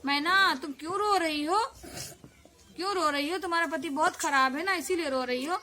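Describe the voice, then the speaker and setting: A kind little magic golden bird from a storybook, soothing and reassuring, as a woman puts her on. The voice sits very high and sounds bright and forceful. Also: moderate pace, slight background noise. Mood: concerned.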